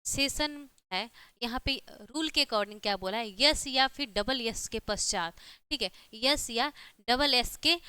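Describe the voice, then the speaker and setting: A woman gives an online exam-prep lesson, walking through each rule step by step and checking in with her students again and again. Her voice is very clear and bright, slightly higher than usual. The sound is close and dry. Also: slow pace, few pauses, no room sound. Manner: repeats "ठीक है" and rhetorical questions, explaining step by step. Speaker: teacher.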